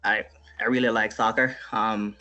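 A man's voice: on the low side, level tone, moderate pace, sharp tone, muffled recording. A man in his thirties from Jamaica, a soldier, introducing himself hesitantly with many fillers. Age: 30s.

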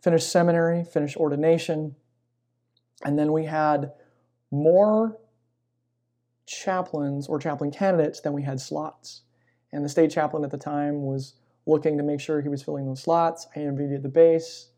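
A middle-aged man, a chaplain being interviewed, telling personal stories in a reflective, conversational way with pauses mid-phrase. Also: fairly high pitch, steady tone, dark tone. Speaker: military chaplain and pastor, interview guest. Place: inside a church.

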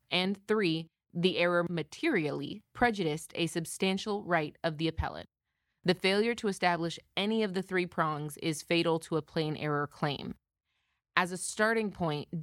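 American female legal presenter, lower-pitched, scripted case summary, dry close recording. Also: fairly bright tone, dry recording. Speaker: podcast co-presenter, military lawyer.

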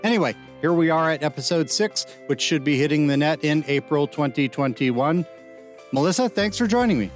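A man's voice: on the high side, animated, normal speed, soft background music. A man hosting a podcast in a casual, chatty style. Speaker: podcast host.

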